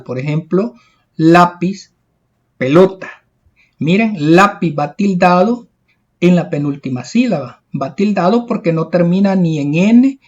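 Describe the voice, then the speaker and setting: A man's voice: fairly high pitch, darkish tone, lo-fi sound. Patient male teacher walking through a worksheet. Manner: patient, explains step by step with fillers. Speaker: primary school teacher. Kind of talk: explaining a worksheet to children.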